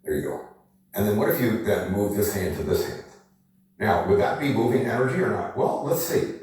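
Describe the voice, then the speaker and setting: A man with a somewhat low voice leads energy exercises, coaching in a lively, coaxing way full of rhetorical questions. His voice rings with heavy room echo. He is some distance from the microphone. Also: fairly quick, slight background noise. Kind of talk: demonstrating physical exercises to camera.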